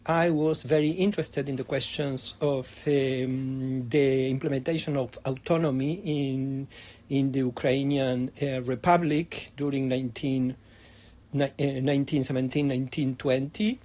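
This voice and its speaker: A middle-aged Argentine history professor answers academic interview questions hesitantly, full of fillers and restarts. His mid-range, darkish voice holds a steady tone and an unhurried pace.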